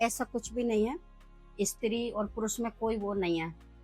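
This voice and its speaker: A woman's voice: fairly high pitch, normal speed, a little mellow, breathy edge, soft background music, poor audio. A middle-aged woman street food vendor telling her story earnestly in an interview, acting out the dialogue. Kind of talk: emotional personal interview.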